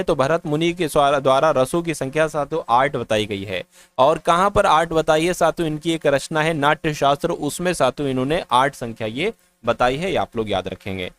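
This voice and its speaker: A man's voice: on the high side, clear, resonant tone, no room sound. A man teaching exam-prep questions in a quiz-style lesson, walking through each answer step by step and often addressing his students.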